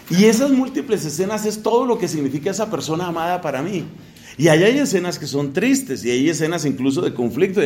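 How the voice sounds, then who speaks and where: High-voiced Colombian priest lecturing. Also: male voice, darkish tone. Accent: Colombian Spanish. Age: 50s. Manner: conversational, questioning the listener directly. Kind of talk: theological lecture.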